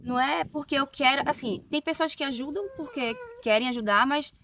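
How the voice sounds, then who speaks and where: This nurse from Recife, in Northeast Brazil, speaks Pernambuco-accented Brazilian Portuguese in a high, bright, forceful voice at a fairly quick clip. She's a guest in a casual interview, chatty, using tag questions and restarting sentences. The mic is distant and picks up a little hiss or hum.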